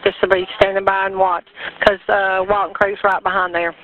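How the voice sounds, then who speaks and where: A woman's voice: medium pitch, moderate pace. Woman dispatcher over police radio. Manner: even, procedural radio codes. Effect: police radio transmission. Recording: tinny radio band with faint hiss.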